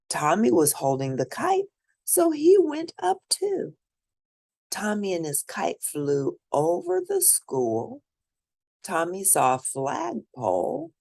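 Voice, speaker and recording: A storyteller reads a picture book to little children, her low voice carrying some gravel. She's animated and expressive, with big swings in pitch, and pauses to point at the pictures.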